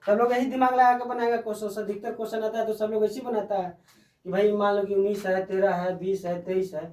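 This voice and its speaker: A male teacher giving a classroom lecture. He spells letters out slowly and keeps asking the class questions. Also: sits high, level tone, darkish tone. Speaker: reasoning teacher. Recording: echoey room, voice far from the mic.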